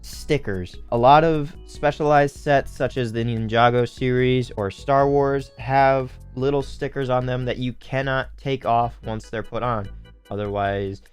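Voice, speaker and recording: A man's voice: mid-range voice, steady tone, measured pace, smooth, soft background music. A young man with a sniffly nose, rambling and thinking aloud as he gives casual commentary for a hobby video. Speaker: video host building Lego.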